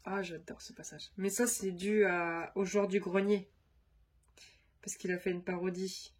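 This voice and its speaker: A woman's voice: medium pitch, level tone, measured pace, slightly rough. A woman vlogger chatting casually to camera, her voice nasal from a stuffy nose, rambling with many fillers. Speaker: crafts vlogger.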